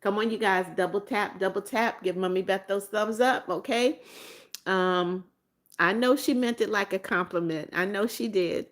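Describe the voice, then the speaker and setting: Mommy Beth, as she calls herself, is a woman in her seventies running a relaxed live chat where she reads out viewers' comments and responds to each. She speaks at normal speed at an ordinary middle pitch, repeating phrases and filling pauses with ums and small restarts.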